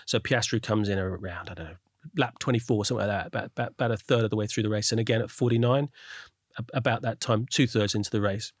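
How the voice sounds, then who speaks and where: A man's voice: lowish voice, fast talker, dry recording, studio quality. A man hosting a casual podcast chat, telling a story in a chatty way with frequent restarts. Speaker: podcast host.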